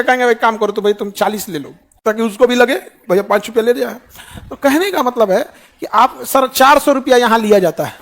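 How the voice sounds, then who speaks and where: A man talking to his students in a folksy, lively way, mimicking others and laughing often. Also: very high-pitched. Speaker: teacher addressing students. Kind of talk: animated classroom talk.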